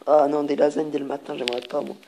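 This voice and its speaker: A woman's voice: low-pitched, flat delivery, fast talker, dark tone, slight background noise. A woman playing an online party card game on her channel, reading the cards aloud, laughing often and cracking crude jokes. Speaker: gamer, video host. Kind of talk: let's play commentary.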